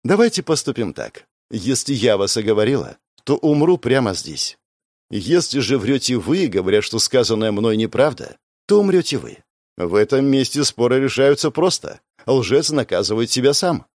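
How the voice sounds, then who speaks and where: A man's voice: mid-range voice, big pitch swings, moderate pace, darkish tone, dry recording, clean studio sound, natural voice. A man voicing a cool, ruthless woman first mate who addresses a crowd firmly. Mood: commanding.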